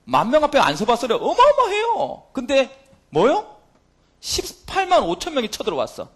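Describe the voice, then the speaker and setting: A man preaches a youth service sermon in a church. His voice sits unusually high and swings widely in pitch. He keeps firing rhetorical questions and slips into God's voice in quoted lines. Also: wildly swooping pitch, moderate pace. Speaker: pastor. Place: church sanctuary.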